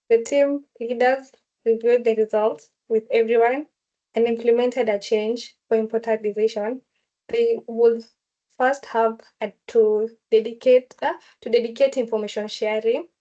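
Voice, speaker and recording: A woman's voice: on the high side, warm tone, highs cut off. A woman explaining a case study to classmates in a casual group discussion, with fillers and restarts. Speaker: student sharing a case study.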